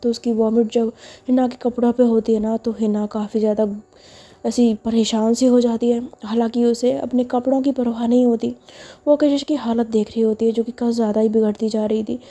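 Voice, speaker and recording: A woman's voice: a little high, level tone, fairly quick, dark tone. A woman telling a love story in a chatty, casual way, with many fillers. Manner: chatty, repetitive narration with fillers. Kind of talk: casual spoken narration.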